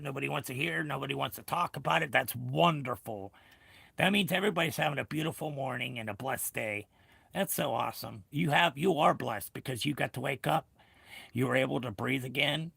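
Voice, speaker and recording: A man with a heavily creaky, gravelly voice chats on a livestream. The tone is bright and forceful, the texture somewhat husky and the sound fairly dry. He rambles earnestly, offering encouragement like an informal motivational talk. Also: medium pitch, dry recording. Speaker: live stream host. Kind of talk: casual motivational livestream chat. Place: cold unheated room.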